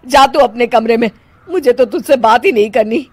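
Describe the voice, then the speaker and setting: A woman's voice: fairly high pitch, moderate pace, darkish tone, slightly rough, no room sound. A woman voicing a fussy older mother-in-law who bosses and scolds her daughter-in-law. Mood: scolding. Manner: scolding, bossy.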